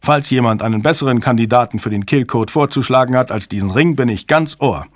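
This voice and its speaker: A man voicing a forceful male agency director who speaks with emphatic authority. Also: mid-range voice, brisk, dry recording, close to an everyday voice. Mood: insistent. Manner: commanding, emphatic.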